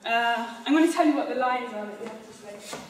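A woman performance artist speaking to a live audience on stage, halting and informal, explaining instructions slowly. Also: on the high side. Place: stage in a hall before an audience. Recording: echoey hall recorded from far off.

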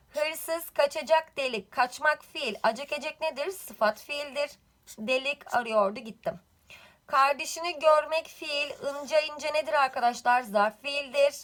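A woman's voice: sits high, bright, forceful tone. A woman teaching a grammar lesson, quizzing the class with repeated questions.

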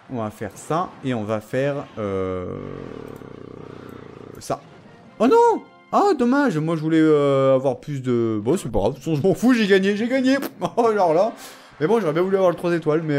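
A young man's slightly high, darkish voice carries his casual play-by-play as a gaming YouTuber, full of jokes and teasing aimed at the viewer and his opponent. Faint background noise sits underneath.

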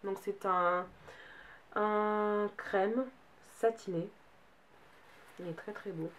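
Her voice is mid-range and steady, and she talks extremely slowly. This young adult beauty vlogger is casually going over a haul in her bedroom, sounding tired with a cold, while faint noise hums in the background.

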